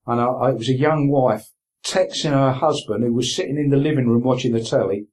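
A man's voice: mid-range voice, a little fast, darkish tone, poor audio. A man in his sixties with an Essex accent, talking casually and plainly as an interview guest, with colloquial turns of phrase. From Essex, England. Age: 60s. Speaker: interview guest, veteran sea angler.

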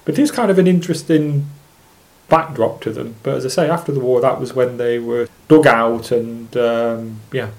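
Gravelly man, musing. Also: medium pitch, fairly even intonation, moderate pace. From Lancashire, England. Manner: musing, tentative, loosely structured sentences. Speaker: podcast guest, specimen angler. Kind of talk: unscripted interview explanation.

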